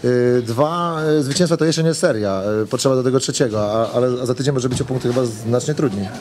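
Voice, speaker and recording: A man's voice: mid-range voice, fast, background noise. A man asking a footballer post-match questions, stumbling over words with fillers. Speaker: sports reporter.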